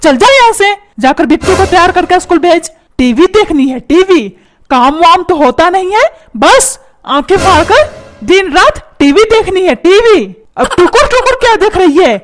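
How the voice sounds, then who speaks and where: A woman's voice: very high voice, expressive, moderate pace, faint music behind. A woman voicing a short-tempered, stingy middle-aged father in a cartoon, scolding and barking orders. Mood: angry scolding. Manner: scolding, shouting orders, repeats words mockingly. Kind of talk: cartoon comedy voice acting.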